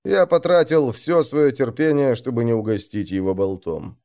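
Narrating a grim adventure in the first person, a man speaks at medium pitch, slowing and raising his voice whenever other characters shout.

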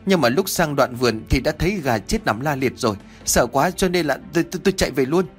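Casting: terrified villager voiced by a man, tearful, begging, raised pitch. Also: expressive, quick pace, faint music behind, close to an everyday voice. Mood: nervous. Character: frightened village man pleading innocence.

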